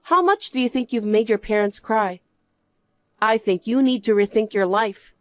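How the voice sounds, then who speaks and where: A woman's voice: on the high side, normal speed, no room sound, lightly acted. Woman acting a scornful betrayed wife, dry recording. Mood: indignant. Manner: scolding, dismissive. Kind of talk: dramatised story narration and dialogue.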